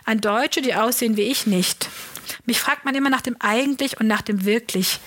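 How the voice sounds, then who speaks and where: A woman giving a calm, measured first-person audiobook narration. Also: on the high side. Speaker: audiobook reader.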